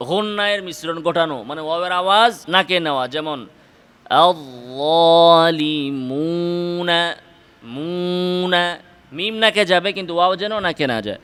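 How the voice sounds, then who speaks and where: A man with a Bangladeshi Bengali accent teaching Quran pronunciation, explaining in quick bursts and then chanting the example words slowly and drawn out. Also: fairly high pitch, bright, forceful tone, clean tone.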